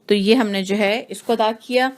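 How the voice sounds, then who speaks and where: A woman teaching Quran recitation rules, explaining slowly and repeating each sound to demonstrate it. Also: mid-range voice, fairly even intonation. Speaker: tajweed teacher. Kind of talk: patient recitation lesson.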